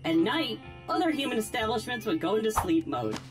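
A chirpy, cheerful robot greets the player in an upbeat, welcoming way. The voice sits a bit high and swings lively up and down. Game music plays clearly behind it. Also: female voice, fairly quick. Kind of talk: video game character dialogue.

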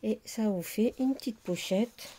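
Slow, mellow-voiced French-speaking woman. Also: a little high, slight background noise. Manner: chatty, unhurried, lots of fillers. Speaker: crafting video host. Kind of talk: casual crafting show-and-tell.

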